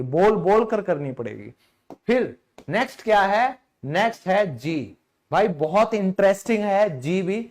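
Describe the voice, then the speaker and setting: A man teaching an online English lesson in a chatty way, slightly hoarse, quizzing viewers with rhetorical questions and slowing down to pronounce words. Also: sits high, darkish tone.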